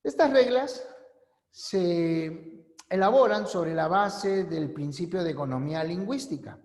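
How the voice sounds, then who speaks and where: A man teaching a language class, explaining rules slowly and emphatically and repeating the key points. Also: sits high, darkish tone. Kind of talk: recorded class lecture. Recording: echoey room with long reverb.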